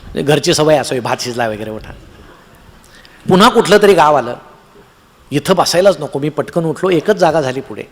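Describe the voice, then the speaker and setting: A man's voice: on the high side, moderate pace, long pauses, long reverb tail. A man with a Marathi accent telling a comic story on stage, acting out the voices of the people in it. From Maharashtra, India. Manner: animated, acts out voices of the characters in the tale. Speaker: humorous storyteller.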